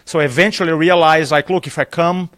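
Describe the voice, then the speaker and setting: Speaking a little fast in a voice on the high side, with no echo, this Brazilian guest is a public speaking trainer being interviewed live at a conference venue. His native language is Portuguese and his accent is thick. The chat is lively and enthusiastic, full of laughter and acted-out dialogue.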